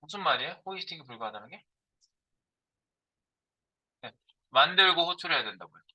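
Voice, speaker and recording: A man's voice: a little high, animated, fairly quick, sharp tone, low-quality recording. A middle-aged man giving a live coding lecture as a programming instructor. He thinks aloud while he types, asking and answering his own questions.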